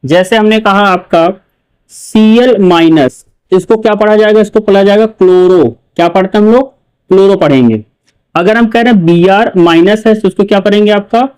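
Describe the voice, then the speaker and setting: A man's voice: sits high, a little fast, darkish tone, smooth, rough recording. A male chemistry teacher giving a lecture, asking his students questions and repeating each answer himself. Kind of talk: classroom lecture.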